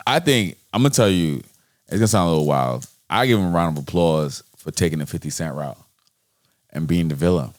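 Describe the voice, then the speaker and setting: Low-voiced New York man, dry close sound. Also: expressive, brisk, dry recording. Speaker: podcast co-host. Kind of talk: casual chat.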